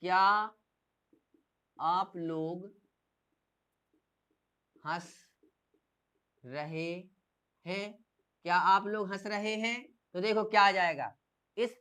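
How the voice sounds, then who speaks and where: Clear-voiced teacher drilling a class. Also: male voice, high-pitched, pushed and bright. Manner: drills by asking and repeating questions. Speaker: English teacher. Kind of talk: classroom grammar lesson.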